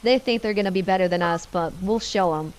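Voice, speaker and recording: A woman's voice: mid-range voice, a little fast, darkish tone, a little hiss or hum, lightly acted, rough recording. A woman narrator voicing a taunting, menacing masked male stalker. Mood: gloating.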